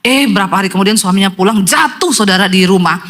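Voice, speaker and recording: A woman pastor preaching a sermon in a lively storytelling manner, often addressing the congregation directly. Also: medium pitch, quick pace.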